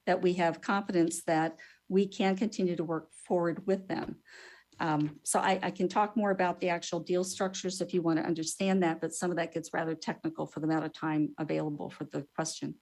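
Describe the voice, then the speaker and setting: Woman, slightly low pitch, government witness, formal testimony, careful bureaucratic explanations. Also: a little mellow, rough recording.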